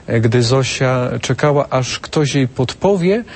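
A man's voice: mid-range voice, animated, a little slow. A man hosting a studio discussion, asking guests formal questions with hesitant fillers. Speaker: talk show host.

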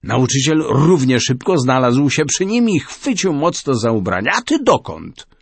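Expressive male storybook narrator. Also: mid-range voice, moderate pace, vocal fry, slightly rough, no room sound. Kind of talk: audiobook narration.

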